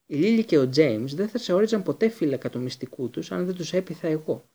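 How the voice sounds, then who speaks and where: A man's voice: fairly high pitch, expressive, mellow. A man voicing a bitter escaped male prisoner in an audiobook reading, fierce and accusing in delivery. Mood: contemptuous.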